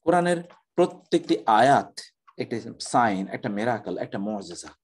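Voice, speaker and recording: Male professor, mid-pitched voice, patient classroom lecture that stops to recite Arabic examples. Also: sing-song, normal speed, breathy edge.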